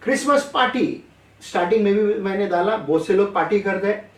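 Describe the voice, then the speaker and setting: High-voiced man preaching, distant and echoey. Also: animated, brisk. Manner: conversational, asks the audience questions. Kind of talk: sermon over online call.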